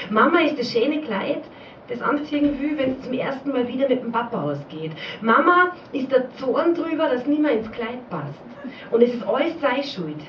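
High-voiced woman reciting slam poetry. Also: slight background noise. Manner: rhythmic, repetitive, dialect-tinged recital. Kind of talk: spoken-word poetry performance. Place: small pub stage before an audience. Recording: dull, roomy live recording from far off.

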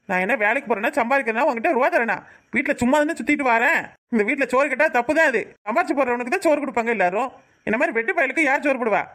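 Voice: mid-range voice, fairly bright tone, close to an everyday voice. A performer with a Tirunelveli Tamil accent voicing an irritable young husband who grumbles and scolds his wife in a cartoon. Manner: nagging, complaining rants. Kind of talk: cartoon voice acting.

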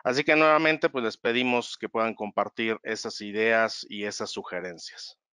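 Smooth low-voiced presenter man. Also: steady tone, bright, forceful tone, dry recording, clean studio sound. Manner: measured, explanatory, calls for the next slide. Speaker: webinar presenter. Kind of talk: presenting slides in a webinar.

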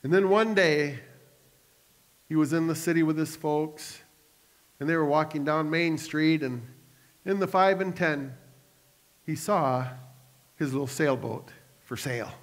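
In a church sanctuary whose hall gives off a long reverb, a male pastor delivers a sermon. His voice leans high and a bit slow with frequent pauses, and he tells stories animatedly while tossing joking asides to the congregation.

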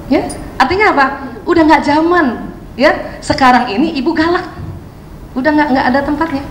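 A woman in her fifties giving a lively religious parenting talk to mothers, acting out quoted speech and laughing often. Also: sits high, normal speed, roomy sound, slight background noise, low-quality recording. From Indonesia.

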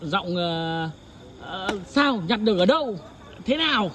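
A man's voice: sits high, animated, a little slow, crowd noise. A man talking brash and quarrelsome at a roadside in the evening, in a staged street drama. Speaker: the finder's boyfriend.

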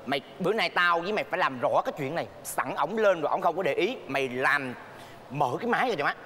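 A man's voice: fairly high pitch, expressive, fast talker, pushed and bright, faint music behind. A man playing a nagging mother. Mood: coaxing. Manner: exaggerated nagging, theatrical complaints. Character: fussy scolding middle-aged mother, dramatic. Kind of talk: stage comedy sketch.

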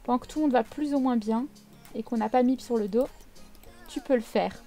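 A woman's voice: fairly high pitch, a little fast, mellow, faint music behind. A woman giving casual, chatty gameplay commentary with a playfully teasing manner. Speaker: video game let's player.

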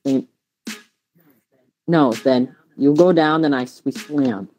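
A woman's voice: extremely low pitch, slow, a little mellow, slight background noise. A woman hosting a VR gaming video, bossing her friends around and teasing them in casual chat. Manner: bossy, teasing, directing others. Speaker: gaming channel host.

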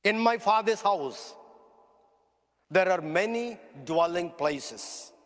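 A man serving as priest, reading the Gospel at a funeral Mass in a measured liturgical way, his voice ringing with cathedral echo. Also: high voice, animated. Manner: slow, measured liturgical delivery. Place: large church. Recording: long church reverb, heard from a distance.

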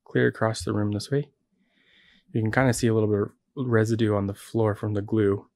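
There's vocal fry in this man's fairly low, darkish voice. An American builder, he presents his work in a large unfinished basement indoors, walking through it casually and plainly while explaining each step.

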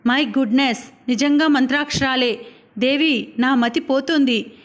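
A woman reading an audiobook, voicing a joking middle-aged male doctor who banters slowly. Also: high-pitched.

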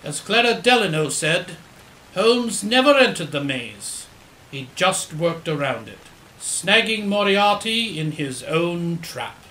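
A man playing an earnest doctor and loyal detective's companion, recounting events in a measured, explanatory way in an audio drama. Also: high-pitched, very animated, sharp tone, roomy sound, a little hiss or hum, heavily acted, poor audio. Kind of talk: audio drama acting, storytelling.

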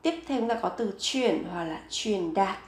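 A woman teaching a vocabulary lesson, saying each word several times, slowly and clearly. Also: mid-range voice, expressive, reverberant. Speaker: Korean language teacher.

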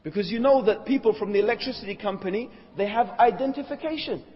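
Male lecturer, very high voice, rhetorical and probing, recorded in a long-reverb hall on dull audio. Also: fast, breathy edge. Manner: rhetorical, checks in with listeners. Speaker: Islamic lecturer. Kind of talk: religious lecture.

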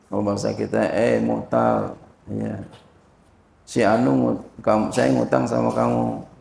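A man teaching an informal religious lesson, slowly explaining a classical text, checking understanding and chanting Arabic phrases. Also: fairly even intonation, vocal fry, a little mellow. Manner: slow and repetitive, frequent "ya" and "paham?" checks, chants Arabic phrases higher. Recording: echoey room.

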